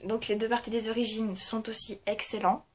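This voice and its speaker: A woman's voice: a little high, level tone, fairly quick, a little hiss or hum. Chatty young woman with a raised voice. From France. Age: young adult. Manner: chatty, self-mocking, laughs often. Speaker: book blogger. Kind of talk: casual monthly reading review.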